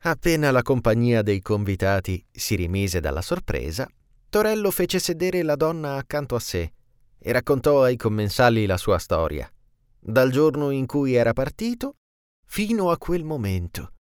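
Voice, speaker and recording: A man reading a classic tale aloud with an expressive storytelling delivery. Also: medium pitch, normal speed, clean tone, no echo, clean studio sound.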